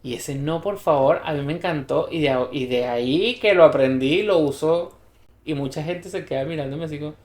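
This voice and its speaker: A man's voice: fairly high pitch, brisk. A Venezuelan man co-hosting a podcast, chatting casually and acting out the dialogue in his stories. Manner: lively storyteller who acts out quoted dialogue. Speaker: podcast co-host. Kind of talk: casual chat. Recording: roomy echo.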